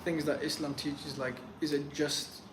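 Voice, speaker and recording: His voice is fairly high, flat and measured in pace. A young man whose native language is Pashto, he's in Medellín, Colombia, doing a relaxed live Q&A on his phone, rambling through chat questions with lots of "like" and restarts, in an echoey room with noticeable background noise.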